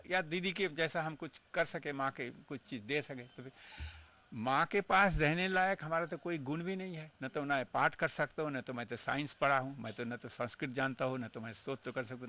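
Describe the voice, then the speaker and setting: A man's voice: medium pitch, fairly quick, sharp tone. A man, a monk being interviewed, telling his memories earnestly and with feeling, slipping in English phrases. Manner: earnest, emotional storytelling mixing in English phrases. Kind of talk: reminiscing interview.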